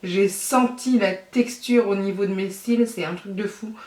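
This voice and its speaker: A woman's voice: mid-range voice, unhurried, darkish tone. A woman vlogger talking through a makeup tutorial, chatty and thinking aloud with fillers and asides. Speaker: beauty vlogger. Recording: echoey room, mic at a distance.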